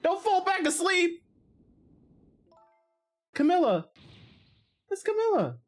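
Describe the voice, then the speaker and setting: A woman voicing an eager, loyal little male dog in a video game, squeaky and yelping with excitement. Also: slow, full character voice. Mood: urgent. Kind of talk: reading game dialogue aloud on a stream.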